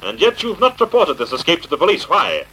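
An actor playing an unseen, menacing crime-fighter, accusing and commanding in a theatrical old radio drama style, through a filtered voice. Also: male voice, on the high side, huge pitch swings, brisk, bright, forceful tone, breathy edge, heavily acted, poor audio. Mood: accusing, stern. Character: unseen avenging crime-fighter, menacing, mocking invisible man. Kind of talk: vintage radio drama acting.

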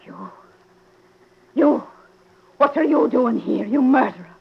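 Very high-pitched, bitter grieving mother. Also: expressive, slow, creaky, breathy edge, exaggerated voice. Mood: bitter accusation. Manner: melodramatic, vehement. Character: bitter, grieving, accusing mother of a dead girl. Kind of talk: old radio drama acting. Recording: dull old radio recording.

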